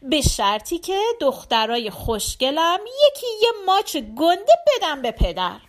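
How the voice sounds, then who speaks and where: A woman voicing a relaxed middle-aged husband who jokes and reassures. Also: high-pitched. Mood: playful.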